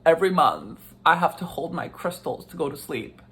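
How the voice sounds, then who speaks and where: A man's voice: a little high, big pitch swings, normal speed, fairly bright tone. A man voicing a gushing teenage girl who collects healing crystals and films videos about them.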